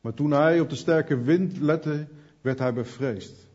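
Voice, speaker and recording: Male preacher, earnest sermon, dark mellow voice, dull muffled recording. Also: fairly high pitch, takes it slowly, husky. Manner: earnest, preaching to the listener directly.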